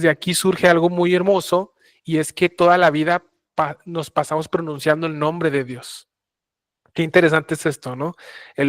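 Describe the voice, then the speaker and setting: A man giving a Bible teaching talk, explaining slowly with many fillers and restarts. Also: fairly high pitch, fairly bright tone, dry recording, clean studio sound. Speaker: preacher.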